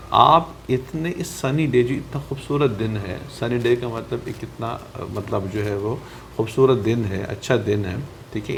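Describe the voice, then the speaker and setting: A man's voice: medium pitch, vocal fry, slight background noise. Pakistani male teacher explaining a story. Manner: reads English lines slowly, then explains each word. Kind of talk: reading a story aloud and explaining it in Urdu.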